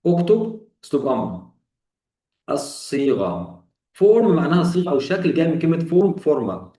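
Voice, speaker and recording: A man's voice: medium pitch, mellow, recorded from a distance. A man with an Egyptian Arabic accent giving a grammar lesson, walking through each point and repeating examples. He sits back from the mic, and his voice bounces around a roomy, echoing space. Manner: explains step by step, repeating examples and asking rhetorical questions. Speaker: English teacher. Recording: echoey room, voice off-mic.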